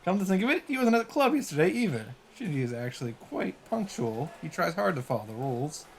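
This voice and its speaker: His voice is on the high side, sing-song and fast with vocal fry, as this let's player reads visual novel narration and drops wry comments. Loud game music plays behind him, with a slight hiss or hum in the recording.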